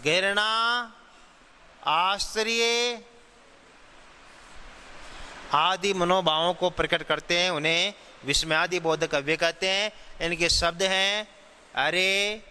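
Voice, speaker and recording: A man teaching grammar, explaining slowly, repeating key phrases and answering his own questions. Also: high-pitched, steady tone, pushed and bright, clean tone. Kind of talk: classroom-style grammar lesson. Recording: long hall reverb.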